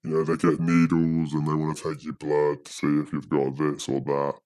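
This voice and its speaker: A man's voice dropped by a pitch-shifting disguise, sitting extremely low. The tone is dark and mellow, and the sound is dry and close. He rambles hesitantly, filling gaps with casual asides. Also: monotone, moderate pace, no room sound. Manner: hesitant, rambling, full of "you know". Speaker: anonymous podcast guest. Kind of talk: casual chat.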